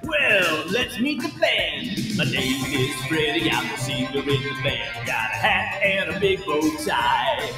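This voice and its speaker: Jolly big bear robot frontman, game kids show singsong, echoey, loud music. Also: medium pitch, big pitch swings, unhurried, few pauses. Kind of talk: children's show sing-song hosting.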